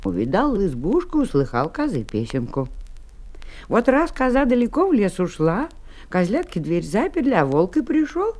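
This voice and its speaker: A woman reading a folk tale aloud as a storyteller, expressive and melodic. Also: mid-range voice, moderate pace.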